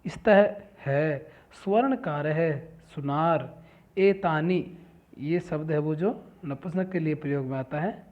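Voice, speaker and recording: A man gives a classroom lesson at a slow, deliberate pace, saying each word and then explaining what it means. His voice sits a little high for a man, and the sound is thin and tinny, like a phone line. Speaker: teacher.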